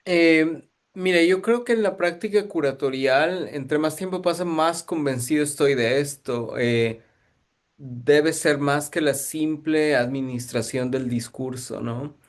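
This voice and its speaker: A man's voice: fairly high pitch, measured pace. A man from Guatemala, a museum curator giving thoughtful, searching answers in an interview.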